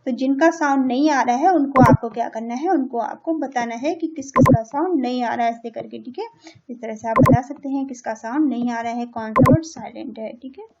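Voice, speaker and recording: A woman's voice: fairly high pitch, brisk, very noisy. An Indian woman teaching a children's English lesson, patiently translating each line and checking in with "theek hai" as she goes. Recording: dull lo-fi recording.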